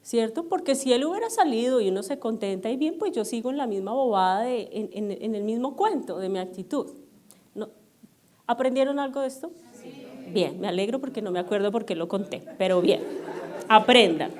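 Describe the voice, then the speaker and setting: A middle-aged woman pastor, telling personal stories to her congregation in an animated, self-mocking way and checking in with the audience often. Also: a little high, a little fast. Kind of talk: storytelling sermon to a congregation. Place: church service.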